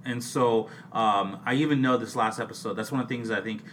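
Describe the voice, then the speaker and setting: A man co-hosts a casual podcast, rambling and often restarting his sentences. He sits a little back from the microphone, so his voice sounds slightly distant. A faint hiss runs underneath, and his pitch sits in a middle range. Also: steady tone, brisk, a bit bright. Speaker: podcast co-host. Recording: off-mic with faint background hiss.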